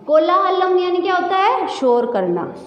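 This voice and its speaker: Slow, high-voiced woman teaching a class. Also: sing-song, echoey room, in a large hall, dull audio. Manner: slow, repeats key words, quizzes the class. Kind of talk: classroom lesson explaining to children.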